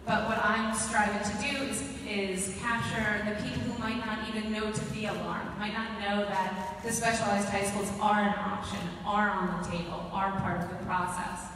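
Mom giving her 2 min comment at a forum, steady and earnest, super echoey auditorium. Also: medium pitch, slight background noise. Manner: earnest, measured, quick. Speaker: parent giving public comment. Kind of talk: prepared public comment. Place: large school auditorium. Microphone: handheld mic on a PA, filmed from the seats. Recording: echoey hall from far off.

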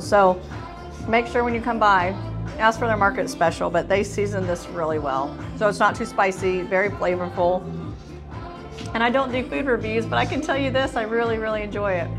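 A woman's voice: medium pitch, poor audio. A woman hosting a casual interview and food tasting, upbeat and gushing as she talks. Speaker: host. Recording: music playing underneath.

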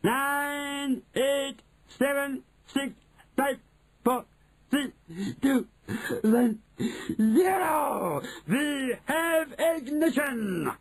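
A man voicing a cruel, imperious grand witch in an audiobook, with drawn-out, theatrical, commanding delivery. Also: extremely high pitch, animated, creaky, voice pushed up, exaggerated voice. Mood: menacing countdown. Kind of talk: audiobook character voice.

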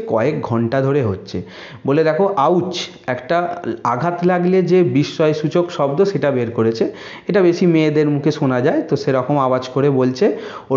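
A male English teacher reading a story line by line and explaining each line, saying the English slowly and then going over its meaning. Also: on the high side, darkish tone. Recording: echoey, dull lo-fi room recording.

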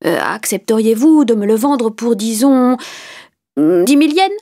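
Woman doing a kind gentle old man. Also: fairly high pitch, animated, unhurried. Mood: kindly. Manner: gentle, slightly raised, kindly.

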